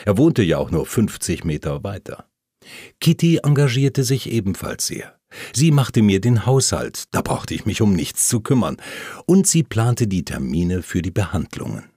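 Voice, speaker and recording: A man reading a first-person memoir aloud, telling the story calmly and plainly while voicing the quoted lines. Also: on the low side, normal speed, slightly rough, no room sound, clean studio sound. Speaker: audiobook narrator.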